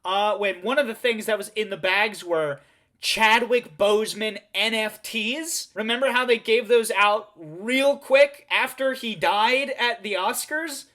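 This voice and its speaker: A man riffing sarcastically as a comedy host. His voice is bright and tense, his delivery mocking and full of laughter. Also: sits high, unhurried.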